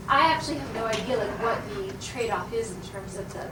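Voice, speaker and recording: A woman's voice: on the high side, fast talker. A woman in the audience asking an informal academic question. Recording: very noisy, echoey room from far off.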